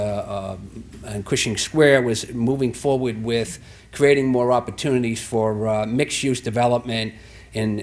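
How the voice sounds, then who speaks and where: A man with a Boston-area accent delivers a formal public address in a town meeting hall. He speaks in a halting way, often restarting phrases and filling gaps. His voice sits at an ordinary middle pitch. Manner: halting, frequent restarts and fillers. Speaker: town official giving an address.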